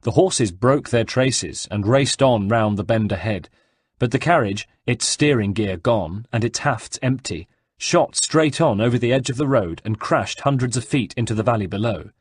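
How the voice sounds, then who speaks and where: A man narrating an audiobook in a steady storytelling delivery. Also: mid-range voice, moderate pace, husky, no echo, studio quality. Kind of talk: scripted narration.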